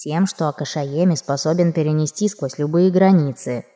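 A woman's voice: deep voice, normal speed, mellow, big-room sound, natural voice. A woman doing a grumpy furry fox familiar. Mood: grumbling. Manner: grumbling, sulky.

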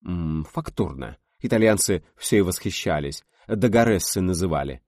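A man's voice: low voice, normal speed, no echo, clean studio sound. A man voicing an older, sly and eager film director in an audiobook reading. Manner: lively, cunning, purring. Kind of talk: audiobook character voice.

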